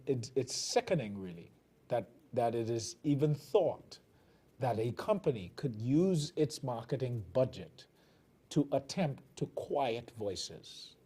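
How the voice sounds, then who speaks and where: This medium-pitched, mellow, husky man from the Bahamas speaks with a Bahamian accent as host of a TV commentary show. His political commentary is fiery and emphatic, with a preacher's cadence, in a television broadcast recording.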